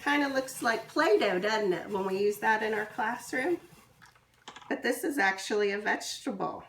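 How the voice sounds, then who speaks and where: A woman teacher walks young children through a kitchen demonstration, patient and unhurried. Her voice has a gravelly edge and sits at a middle pitch. The room is echoey, with faint background noise. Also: fairly bright tone. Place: kitchen with running water.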